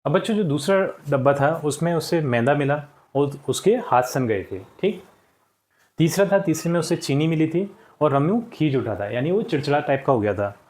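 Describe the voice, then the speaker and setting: Male teacher, slightly higher voice, patient and repetitive, talking young pupils through exercises. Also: animated, moderate pace, a little mellow. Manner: patient, repeats answers and checks with "ठीक". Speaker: school teacher. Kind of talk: explaining a textbook lesson to children.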